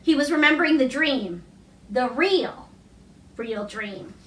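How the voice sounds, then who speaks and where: A woman reads a classic story aloud in a bright, high voice. The room echoes noticeably around her narration. It is storybook reading, line by line from the page. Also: expressive, slow pace. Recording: echoey room, distant mic.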